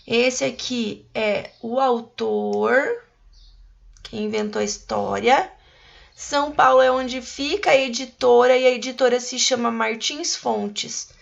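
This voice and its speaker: A Brazilian woman teacher reads a storybook to young children, slowly and patiently, stopping to explain. Her voice sits a little high and has a gravelly, creaky edge. The recording sounds dull and lo-fi. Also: steady tone. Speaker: primary school teacher. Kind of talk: reading a storybook aloud to young pupils and explaining.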